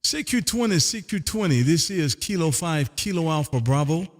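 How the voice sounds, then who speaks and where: Hosting an amateur radio live stream from his home radio room, a Texas man speaks in an animated voice on the high side. He makes ham radio contact calls and chats casually like a folksy showman, drawing out call signs and peppering his talk with "man." A long, hall-like reverb fills the recording.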